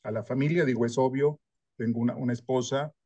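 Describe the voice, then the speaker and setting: A man's voice: mid-range voice, fairly even intonation, fast talker, darkish tone, no room sound, highs cut off. An older man from Mexico, a historian answering interview questions in a thoughtful way, often ending points with a tag question. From northern Mexico. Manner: thoughtful, frequent tag questions, light self-deprecating humor. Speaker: historian guest.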